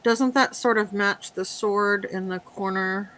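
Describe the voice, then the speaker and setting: A woman's voice: mid-range voice, steady tone, measured pace, a bit bright, a little hiss or hum, rough recording. A woman chatting while playing a puzzle game, asking careful questions about the clues. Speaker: player. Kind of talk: casual game chat.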